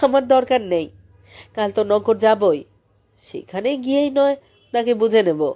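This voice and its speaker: A woman's voice: a little high, expressive, a little slow, warm tone, voice pushed up. A woman voicing an exasperated wife in an audiobook, talking in an impatient, scolding way. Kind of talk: audiobook character voice.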